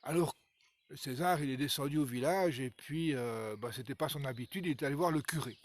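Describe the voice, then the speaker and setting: A man telling a folk tale in a lively oral style, with hesitations and repetitions. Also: medium pitch, brisk, dry recording. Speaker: storyteller.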